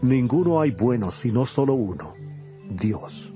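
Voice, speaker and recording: An actor playing Jesus as a grave, patient teacher in a dramatized audio Bible, speaking in a solemn, measured way. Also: male voice, mid-range voice, expressive, mellow, faint music behind, natural voice. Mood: earnest instruction. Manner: solemn, deliberate, measured delivery.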